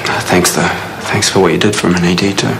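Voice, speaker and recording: An actor with a New Zealand accent playing a gruffly caring, guilt-laden father figure in a TV soap. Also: sits low, level tone, fast. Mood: weary, guilty. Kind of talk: naturalistic TV soap acting. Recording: noisy TV soap scene.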